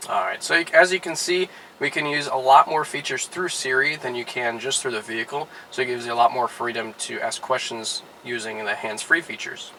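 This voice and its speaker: Bright-voiced man demonstrating casually. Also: mid-range voice, fairly quick, hardly any pauses, a little hiss or hum, poor audio. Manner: relaxed, with frequent "all right" and "uh" fillers. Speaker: car dealership product specialist. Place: inside a car.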